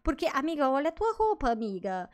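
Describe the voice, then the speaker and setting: A woman with a Brazilian Portuguese accent giving excited, casual commentary on her Roblox gameplay, gasping often and reading other players' chat aloud. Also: high-pitched, a little fast.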